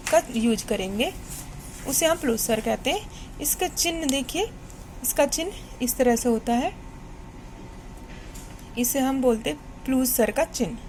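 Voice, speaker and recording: A woman teaching a Hindi grammar lesson to children, speaking slowly and patiently, repeating points and quizzing her pupils. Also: sits high, a little hiss or hum.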